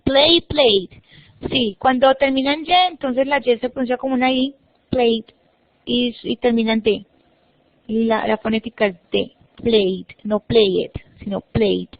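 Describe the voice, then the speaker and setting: A woman teaching an English class online, explaining patiently and repeating words slowly. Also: on the high side, no echo. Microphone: video call. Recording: muffled online call audio.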